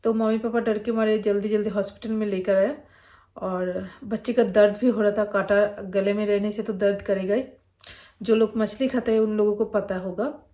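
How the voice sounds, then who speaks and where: A woman's voice: mid-range voice, steady tone, normal speed, warm tone. A woman from Bengal with a Bengali accent, telling a personal story in a casual, rambling way with many fillers and restarts. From Bengal, India. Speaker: vlogger.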